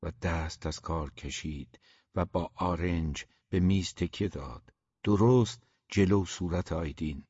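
A man narrating a novel aloud in a steady, measured reading, in a dull, dry recording. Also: low voice, slightly rough, no echo. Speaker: audiobook narrator.

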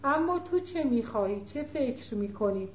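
A woman voicing an older countess who gently and affectionately reasons with her daughter in a storybook reading. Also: fairly high pitch, expressive, slight background noise, natural voice. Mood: gently warning. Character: older mother countess, gentle but worried. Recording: roomy, dull lo-fi recording.

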